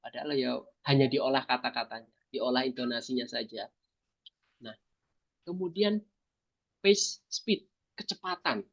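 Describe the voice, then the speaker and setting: A man with an East Javanese accent teaching public speaking to a small group, modeling pitch, stress and articulation as he goes. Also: gravelly, highs cut off. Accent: Indonesian, East Javanese. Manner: demonstrative, shifts pitch and stress to model intonation. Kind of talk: workshop lesson with participants.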